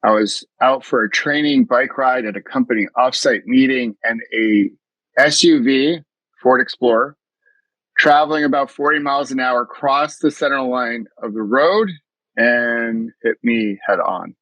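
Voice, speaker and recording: This middle-aged man from the US East Coast is a mindfulness coach and podcast guest, telling his story in an interview. His mid-range voice is unhurried and fairly bright, and he speaks earnestly and reflectively, often restarting sentences. The audio is dull, with no room sound.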